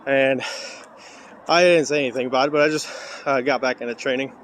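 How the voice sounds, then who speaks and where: Speaking a little fast at medium pitch, with a steady and fairly bright tone, a vlogger and parkour coach rambles to his cheap phone camera, "uh"s and all. He's walking an outdoor trail with a heavy sandbag, and a slight hiss or hum is audible.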